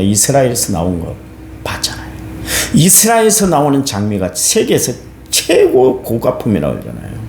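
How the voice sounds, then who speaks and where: A man preaching a dawn service sermon as pastor, colloquial and animated, acting out people's complaints. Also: mid-range voice. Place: church sanctuary. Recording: echoey church hall, faint hum.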